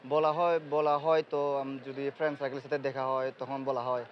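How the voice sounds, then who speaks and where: A man's voice: mid-range voice, little pitch movement, a little fast, slight background noise. A man answering a street interviewer at a fair, speaking hesitantly. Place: outdoors at a busy fair. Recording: muffled outdoor recording in loud crowd.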